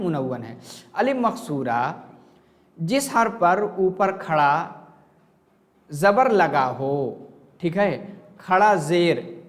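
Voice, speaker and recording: Male teacher with a slightly high voice and a slow, deliberate delivery, quizzing and answering himself. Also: long reverb tail. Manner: asks questions and answers them himself; slow and repetitive explaining. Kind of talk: online grammar lesson.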